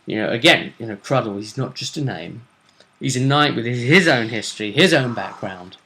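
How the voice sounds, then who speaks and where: A man hosting a tabletop role-play show talks casually about game match-ups in a distinctly bright, middle-pitched voice. He thinks aloud loosely, frequently restarting a thought to rephrase it, with lively intonation at a moderate pace.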